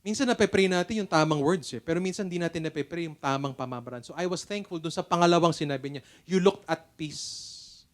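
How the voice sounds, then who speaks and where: A man's voice: fairly high pitch, fast, few pauses. A middle-aged man with a Filipino accent preaching a sermon at a church service, telling stories in an earnest, conversational way. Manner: mixes English and Tagalog, storytelling, earnest. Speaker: pastor.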